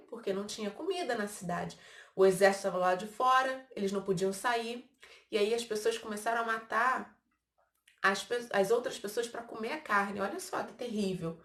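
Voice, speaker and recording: A woman with a Brazilian Portuguese accent teaches a Sunday school class for children, walking them through a Bible story. Her voice sits somewhat high, and she slips into the characters' lines before turning back to the kids. The recording picks up noticeable room echo. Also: a bit bright. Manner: storytelling with acted quotes, frequent asides to the kids. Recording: echoey room.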